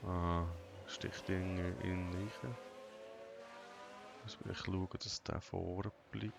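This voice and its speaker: Man, monotone, flat and emotionless, gravelly fry, gameplay commentary. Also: low voice, takes it slowly, noisy background. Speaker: gamer playing a racing manager game. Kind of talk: let's play commentary.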